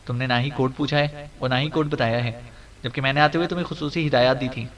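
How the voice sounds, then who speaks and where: A man's voice: medium pitch, fairly even intonation, a bit bright, natural voice. A man voicing a stern, sly secret agent. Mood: stern, commanding. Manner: commanding, clipped, playful. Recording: distant mic.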